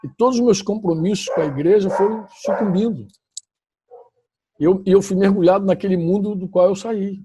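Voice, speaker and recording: A man's voice: sits high, fairly quick, background noise. A middle-aged male pastor from Brazil tells a personal testimony to his church audience. He speaks emphatically and repeats himself, often correcting his words as he goes. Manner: emphatic, repetitive storytelling with self-corrections.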